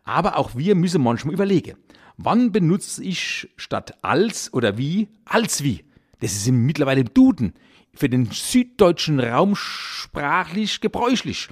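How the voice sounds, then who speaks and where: A man with a broad Kurpfalz German accent delivers a comic dialect monologue in a slightly high voice. His intonation leaps and dips theatrically, and he chuckles through his punchlines. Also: big pitch swings, unhurried, slightly rough. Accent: Kurpfalz (Palatinate) German. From Kurpfalz region, Germany. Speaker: cabaret artist, podcast host.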